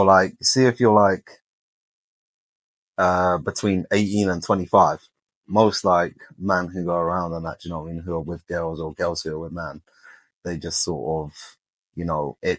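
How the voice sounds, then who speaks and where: A man's voice: low voice, slightly rough, dry recording, low-quality recording. A man, talking casually and colloquially as a podcast co-host, giving his opinions.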